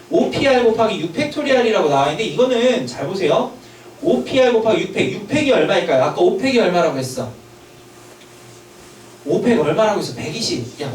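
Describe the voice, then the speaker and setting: A man teaching a math lecture, drilling students with quick checking questions and an emphatic, sometimes scolding manner. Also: sits high, a little hiss or hum. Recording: echoey room with distant mic.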